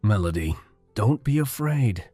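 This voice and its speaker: Man doing a stern old male tycoon, low voice, mellow tone, commanding, storybook narration. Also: sing-song, unhurried, husky, soft background music, heavily acted. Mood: tender. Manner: curt, commanding.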